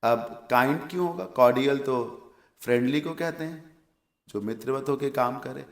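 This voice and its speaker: Gravelly Indian male English teacher. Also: mid-range voice, normal speed, roomy sound. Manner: explains word meanings step by step, asks and answers his own questions. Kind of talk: exam vocabulary lesson.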